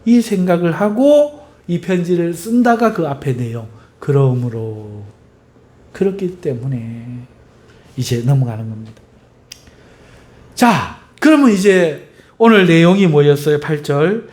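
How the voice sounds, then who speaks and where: Male pastor, high voice, emphatic sermon delivery, rhetorical questions to the congregation. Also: lively intonation, unhurried. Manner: emphatic, swinging in pitch and loudness.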